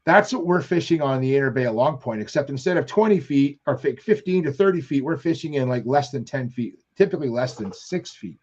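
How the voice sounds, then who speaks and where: A man on a live fishing show, telling long rambling stories with animated quoted asides. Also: medium pitch, fairly quick, few pauses, breathy edge, dull audio. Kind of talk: casual chat on live show.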